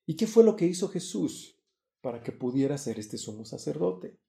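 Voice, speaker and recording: A man preaches a sermon in a very mellow, dark-toned voice that sits a little high. He is earnest and emphatic. He pushes louder and higher whenever he stresses a point. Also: very animated, normal speed, vocal fry, roomy sound.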